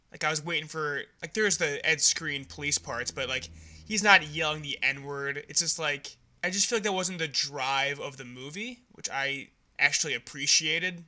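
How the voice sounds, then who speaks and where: A young man with a very bright, slightly high voice, talking through a movie review in loose, frank podcast chatter. He laughs easily and keeps it casual. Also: moderate pace. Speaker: podcast co-host.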